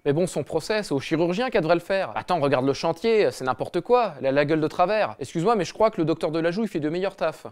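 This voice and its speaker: A man's voice: a little high, expressive, fast, few pauses, a little mellow. A man hosting a satirical football comedy show, cocky and slangy, swearing often. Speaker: host.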